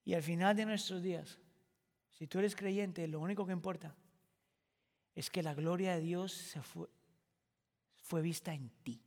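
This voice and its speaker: High-voiced pastor preaching in a hall. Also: male voice, steady tone, a little slow, pauses often. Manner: builds from quiet reflection to impassioned shouting. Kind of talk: sermon.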